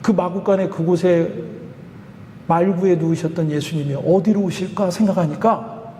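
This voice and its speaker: A male pastor telling a story in a sermon, chatty and animated, chuckling now and then. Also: high-pitched, normal speed, in a large hall, slight background noise. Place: church sanctuary.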